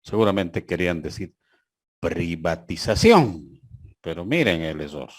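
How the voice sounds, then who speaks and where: A man, a university lecturer giving an online class over a video call, who reads examples aloud slowly and mocks their errors. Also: deep voice, lively intonation, a little mellow, no echo.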